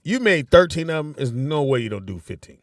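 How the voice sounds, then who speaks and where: A man's voice: on the high side, big pitch swings, a little fast, no room sound, clean studio sound, distant mic. A man hosting a show with casual, foul-mouthed, joking banter. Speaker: show host.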